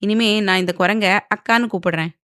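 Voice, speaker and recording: A woman's voice: mid-range voice, a little fast, a bit bright, no room sound, clean studio sound, natural voice. Woman doing a cheeky young man. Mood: teasing. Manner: bantering, irritated.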